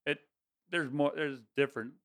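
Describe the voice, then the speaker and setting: A man's voice: a little high, fairly even intonation, normal speed, a bit bright. A man speaking as an interview guest about his work, rambling with frequent restarts and easy laughter. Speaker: guest, construction and plant project worker. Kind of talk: casual conversational interview.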